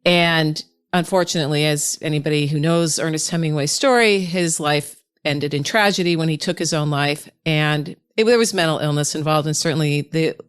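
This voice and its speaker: A woman podcast host with a smooth, clear voice that sits a little low. She talks in a chatty, reflective way and warmly affirms her guest as the conversation goes on. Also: moderate pace, few pauses. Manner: chatty and reflective, with frequent affirming murmurs and laughs.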